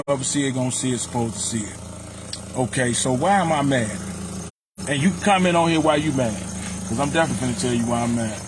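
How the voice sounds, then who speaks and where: A man's voice: mid-range voice, noisy background. A man with a Chicago accent hosting a casual livestream, blunt and preachy, speaking straight to his viewers. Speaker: livestream host.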